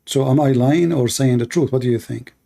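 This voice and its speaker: Brisk and gravelly, with a dark tone and mid-range pitch, this man speaks Arabic as his first language. As host of a live call-in program about religion, he debates a caller conversationally, questioning insistently and repeating himself.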